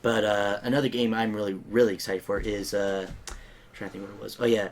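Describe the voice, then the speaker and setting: A man's voice: lowish voice, flat delivery, a little fast. A young man hosting a casual gaming podcast, rambling with lots of fillers and restarts. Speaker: podcast host. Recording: faint background noise.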